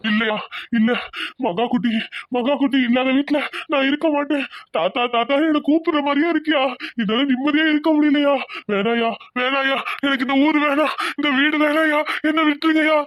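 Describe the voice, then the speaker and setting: A man's voice: extremely high pitch, moderate pace, lo-fi sound. A man voicing a guilt-ridden village servant in a cartoon drama, pleading and apologetic. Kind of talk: Tamil cartoon drama voice acting.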